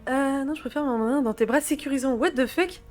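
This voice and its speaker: A young woman streaming a game, chatting to her chat and reading game dialogue aloud, excitable and quick to laugh. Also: sits high, soft background music. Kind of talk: gameplay let's play commentary.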